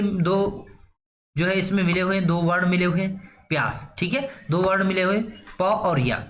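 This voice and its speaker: A man's voice: sits high, a bit bright. A man teaching an exam-prep grammar lesson. He asks questions and answers them himself, with a frequent "theek hai" to check in. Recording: roomy echo, faint background noise.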